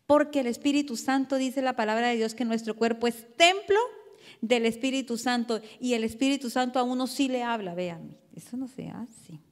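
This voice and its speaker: A Colombian woman delivers a sermon with a noticeably high voice, talking to her congregation in a chatty, animated way and firing off rhetorical questions. Her Colombian Spanish accent comes through clearly. A long reverb trails after her words, as in a church hall. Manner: animated, conversational preaching with rhetorical questions and acted quotes. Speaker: preacher.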